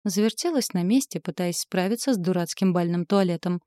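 A woman narrating an audiobook in a lively, wry first-person storytelling manner. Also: fairly low pitch, a little fast, no room sound, studio quality.

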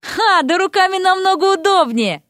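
A woman voicing a cheeky, playful young wife who speaks in a bright, teasing tone. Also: very high-pitched, lively intonation, moderate pace, no echo, clean studio sound, pitched above the performer's own voice. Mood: cheerful.

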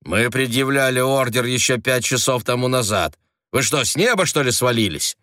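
A man's voice: medium pitch, lively intonation, moderate pace, pushed and bright, dry recording, studio quality, voice pushed up. A man reading an audiobook, voicing a brusque, sarcastic secret police agent who gives orders. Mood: mocking. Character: gruff, mocking male secret police agent.

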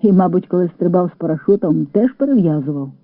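A jesting partisan fighter with a light, teasing way of talking, as a male reader voices him. His voice sits a little high and sounds close and dry. It comes through a thin, tinny radio recording. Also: animated, fast, no room sound. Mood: joking. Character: joking Latvian partisan man, Oswald.

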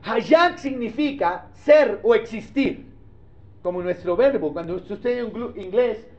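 A man's voice: high voice, measured pace, darkish tone. A male pastor, teaching a sermon in a conversational way and often checking that the congregation follows. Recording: dull lo-fi sermon recording.

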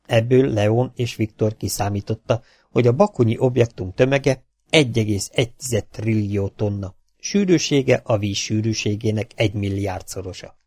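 A man with a Hungarian accent reading a science fiction audiobook in an even, measured way. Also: on the low side, dry recording, clean studio sound. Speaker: audiobook narrator. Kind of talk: scripted narration.

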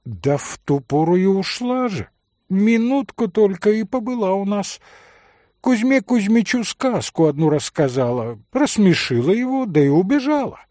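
A man reading an audiobook, voicing a fussy, scolding old female servant in a shrill, raised voice. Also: sing-song, mellow, no echo, studio quality. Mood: chatty. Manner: shrill, quick to scold then chatty.

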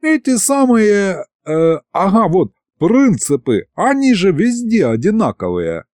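A man voicing a cheeky little male imp sidekick in an audiobook, speaking high and excitedly with slang. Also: measured pace, no room sound, clean studio sound. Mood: shrugging. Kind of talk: audiobook character reading.

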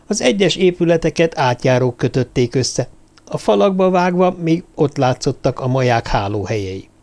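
A man narrating a novel as an audiobook, reading in a steady, measured way. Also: mid-range voice. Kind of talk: scripted narration.

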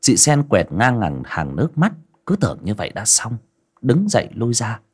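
A male storyteller with a husky voice whose pitch rises and falls dramatically. He tells the tale vividly and expressively, dipping low for the grim moments. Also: wildly swooping pitch, moderate pace, a little mellow. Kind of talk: audio folk story narration.

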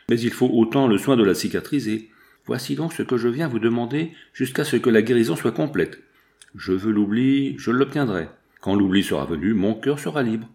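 A man reading the part of a grave young man, speaking low, broken and solemn. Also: darkish tone, close to an everyday voice. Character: young man, grave, sorrowful, honor-bound.

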